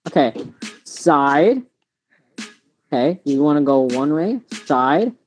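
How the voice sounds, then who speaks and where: A woman hosting a VR gaming session, teasing and directing her friends in casual chat. Her voice is low and unhurried, yet it rises and falls a lot. A faint hiss runs underneath. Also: expressive, darkish tone. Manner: bossy, teasing, directing others. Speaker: gaming channel host.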